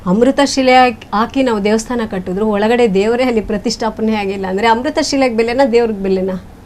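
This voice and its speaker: A woman's voice: fairly high pitch, fairly quick, a little mellow, a little hiss or hum. A woman fan, answering a reporter insistently and pleading her case. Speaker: fan on the scene. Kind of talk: street interview.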